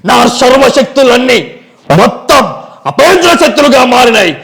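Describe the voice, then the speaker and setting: A man voicing a mighty, triumphant male villain from a dubbed film in a booming, drawn-out declamation. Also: expressive, vocal fry, a bit bright, full character voice, rough recording.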